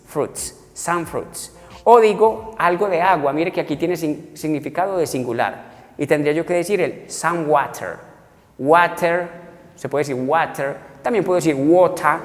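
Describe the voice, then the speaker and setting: Man as patient teacher, reverberant room. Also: fairly high pitch. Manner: patient, repeats examples slowly. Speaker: English teacher. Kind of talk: classroom explanation. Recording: long reverb, faint music. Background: faint background music.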